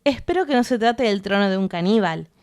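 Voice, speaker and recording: A woman's voice: medium pitch, fairly quick, dry recording, clean studio sound, lightly acted. Woman reading a spirited young woman. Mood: teasing. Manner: lively and teasing.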